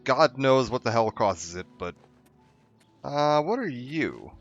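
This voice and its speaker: A man's voice: mid-range voice, very animated, slow pace, dull audio, faint music behind. A man streaming a game, chatting casually with many fillers and restarts. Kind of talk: casual let's-play commentary.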